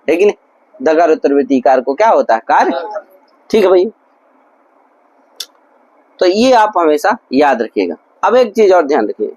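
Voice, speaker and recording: A man's voice: high-pitched, no room sound, poor audio. A man teaching Sanskrit grammar in a classroom lecture, drilling his students with constant repeated questions. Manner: repetitive, drilling explanations. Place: gurukul classroom.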